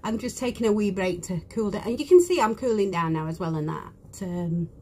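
A woman with a broad British accent chatting casually during a live makeup stream, often slipping into soft whispered asides while she works, in a small cruise cabin. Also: mid-range voice, expressive, a little fast. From United Kingdom. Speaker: beauty vlogger.

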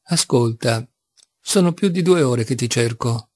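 A man's voice: mid-range voice, lively intonation, a little slow, no echo, clean studio sound. A man reading an audiobook, voicing a mocking, ironic young male seminarian who teases with astonished sarcasm. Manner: teasing, sarcastic, by turns astonished. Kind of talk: audiobook reading of a classic novel.

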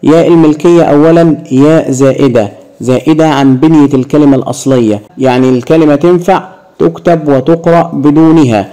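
A man with an Egyptian Arabic accent teaching a grammar lesson to young children, drawing out example words slowly. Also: on the high side, fairly even intonation, dark tone, poor audio. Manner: slow, drawn-out word demonstrations.

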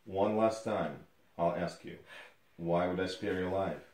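Man acting a low-voiced stern interrogator, echoey room. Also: unhurried, a little mellow, far from the mic. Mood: cold, probing. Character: stern, contemptuous male rescuer and interrogator. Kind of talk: acted dramatic scene.

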